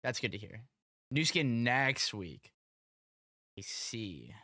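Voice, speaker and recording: A streamer chatting casually and reacting in an expressive, slangy, exclamatory way. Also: mid-range voice, slow, no room sound, clean studio sound.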